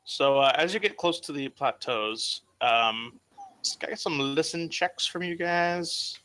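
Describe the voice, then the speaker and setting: A man narrating an improvised tabletop game as game master, informal and halting, sometimes swearing. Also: fairly high pitch, bright, forceful tone, slight background noise.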